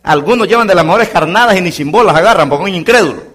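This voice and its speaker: A man preaching a sermon as a pastor in a church, swinging between loud exclamations and quiet asides. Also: high voice, expressive, very fast, husky. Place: church sanctuary.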